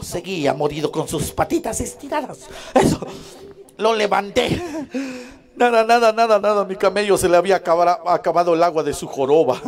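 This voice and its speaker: A man performing as a children's party clown at a live show, playful and laughing as he calls out to the kids. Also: very high voice.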